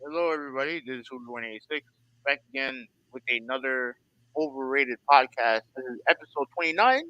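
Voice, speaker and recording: A man's voice: mid-range voice, brisk, sharp tone, slight background noise. A man co-hosting a podcast in casual chat, his voice muffled as if heard through a wall. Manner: loose, filler-heavy, repeats himself. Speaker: podcast co-host.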